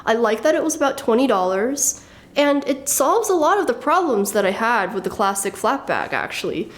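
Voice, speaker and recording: A woman's voice: fairly high pitch, very animated, moderate pace. A woman in her thirties explaining things in a casual show-and-tell vlog, in a wry, matter-of-fact way. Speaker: fashion vlogger.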